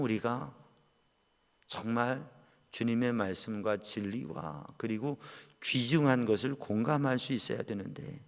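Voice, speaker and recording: Impassioned Korean pastor preaching in a reverberant church. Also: male voice, vocal fry. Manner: impassioned preaching, swinging between loud cries and quiet low asides. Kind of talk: sermon. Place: church sanctuary. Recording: long church-hall reverb.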